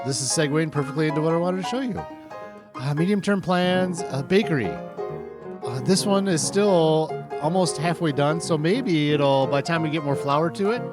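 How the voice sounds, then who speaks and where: A man casually commenting on his own farming game, rambling and thinking aloud in an easygoing way. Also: on the high side. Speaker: gaming channel host. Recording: music playing under the voice.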